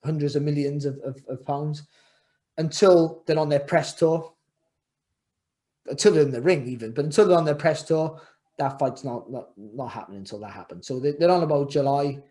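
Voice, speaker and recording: A middle-aged Welshman, a former boxer appearing as a podcast guest, chats casually over a video call from a room in his home. His warm voice sits a little high for a man and moves at normal speed. He speaks earnestly, repeating phrases and restarting, and rises to an emphatic push on key lines.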